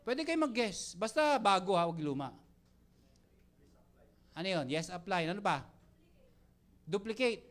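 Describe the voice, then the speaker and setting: High, bright-voiced man coaching a crowd. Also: measured pace, pauses often. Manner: animated, jokey, quizzes the crowd, mixes Tagalog and English. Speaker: mentor speaking to network marketing team. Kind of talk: live motivational talk to an audience.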